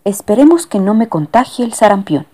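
A woman's voice: medium pitch, very animated, fairly quick, dark tone, slight background noise, natural voice. A woman voicing a grumpy, complaining businessman passenger who fears catching illnesses, in a storybook reading. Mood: grumbling. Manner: complaining, indignant. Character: grumpy hypochondriac businessman, older male.

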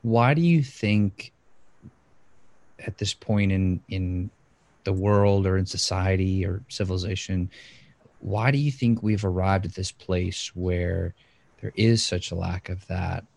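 Gravelly low-voiced male podcast host. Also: darkish tone, no room sound. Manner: measured, thoughtful questions. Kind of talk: podcast interview.

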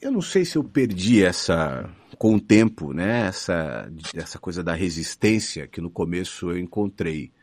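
A middle-aged radio announcer with a São Paulo accent answers interview questions thoughtfully, often restarting phrases, his voice rising and falling expressively. It sits low with big pitch swings, a little mellow, moving at a moderate pace with hardly any pauses and no room sound.

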